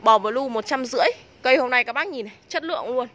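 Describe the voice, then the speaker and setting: A fast-talking nursery seller with a northern Vietnamese accent and fairly bright tone makes a casual hard sell, showing off products live in a covered plant nursery and shop. The noisy recording, full of ambient sound, comes from a handheld phone behind the camera.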